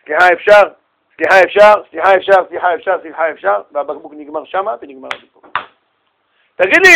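A man with a fairly high voice leads a religious class, spinning everyday anecdotes and briefly acting out the people in them. He talks in a lively, animated way, and the sound has the feel of a radio broadcast. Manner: animated storytelling, acts out little dialogues. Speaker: rabbi giving a Torah class.

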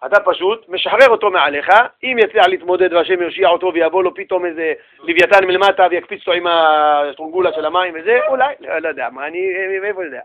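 A man's voice: high voice, few pauses, phone-quality sound. A man giving a casual religious talk, telling a story in a chatty, slangy way, addressing listeners directly and acting out the voices in it.

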